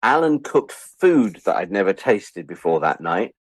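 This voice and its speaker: A low-voiced English man in his sixties speaks a little slowly with a slightly rough voice and no room sound. He's a writer and editor in a casual interview, telling lively, self-deprecating anecdotes and acting out what people said.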